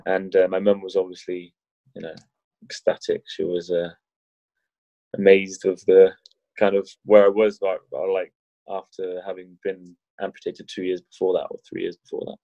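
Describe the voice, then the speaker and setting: A man with a low voice tells stories in a loose, joking way, often restarting his sentences. The recording sounds muffled and dull, and it is very dry. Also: monotone, moderate pace, mellow, no room sound. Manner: rambling, many restarts, jokey. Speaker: wheelchair rugby league player, podcast guest. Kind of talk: casual chat.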